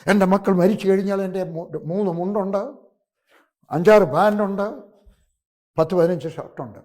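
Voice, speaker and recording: An older man with a Keralite Malayalam accent, a pastor telling a personal story in a sermon, moving between loud exclamations and hushed asides. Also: high voice, fairly even intonation, moderate pace.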